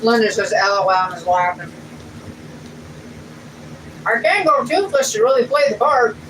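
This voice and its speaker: A middle-aged woman with a fairly high, slightly bright voice chats casually at a moderate pace on a family livestream, reading viewer comments out loud. She sounds homey, talkative and plainspoken. The mic is far away and the room is noisy.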